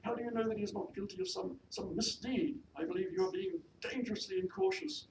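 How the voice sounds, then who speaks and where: This take portrays the same scolding widow of the minor gentry, haughty and peevish, giving orders in the formal manner of a period novel with an indignant mood. The reader is mid-range, animated and fairly quick, raised above their own pitch and only lightly acted, captured by a faraway mic in a noisy room full of echo.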